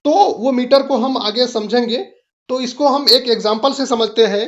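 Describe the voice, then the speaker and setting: Woman teaching in a slow, careful lesson voice. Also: a little high, steady tone. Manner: slow, deliberate reading of English definitions between Hindi explanations; asks the viewer to check understanding. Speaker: English literature teacher. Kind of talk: explanatory video lesson. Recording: dull lo-fi recording.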